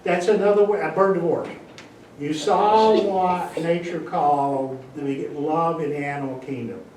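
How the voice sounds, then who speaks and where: An older man giving a casual public talk about birds, chatty and animated, sometimes acting out bird calls. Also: on the high side, measured pace. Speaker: guest speaker on birds. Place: library meeting room. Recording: echoey room, distant mic, faint hiss.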